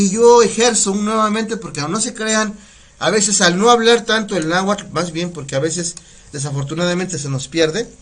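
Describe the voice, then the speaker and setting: A man's voice: high-pitched, pushed and bright. A man with a Mexican Spanish accent teaching words on a live community radio broadcast, patient and repeating each word, often checking in with his listeners. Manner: patient, repeats words slowly, asks "¿sale?". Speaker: Nahuatl language teacher.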